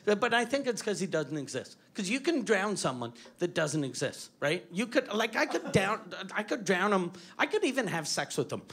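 A man doing a stand-up comedy set with a Quebec French accent, crude and rambling, often laughing at his own jokes. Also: high voice. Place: comedy stage before a live audience. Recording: live club recording with audience crowd and noise.

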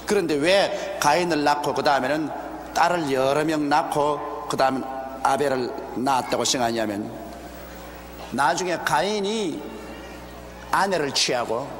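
An older man preaching a measured expository sermon from a pulpit, pausing often and asking rhetorical questions. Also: a little high. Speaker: pastor. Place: large church sanctuary, behind a wooden pulpit. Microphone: pulpit microphone. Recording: roomy, echoey hall with faint ambience, older broadcast video.

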